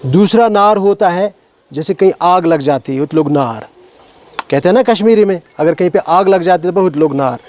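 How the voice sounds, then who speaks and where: Kashmiri-accented male walk leader, fairly high pitch, talks to schoolchildren outdoors, explanatory, asks them questions. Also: expressive, a little mellow. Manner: explanatory, asks questions of the children, mixes in English words. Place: outdoors at a stone heritage site.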